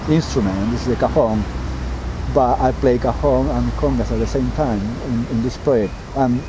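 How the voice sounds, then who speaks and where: A man's voice: mid-range voice, moderate pace. Peruvian man, noisy studio recording. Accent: Peruvian Spanish. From Lima, Peru. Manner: hesitant, repeats words. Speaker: percussionist. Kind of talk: casual interview.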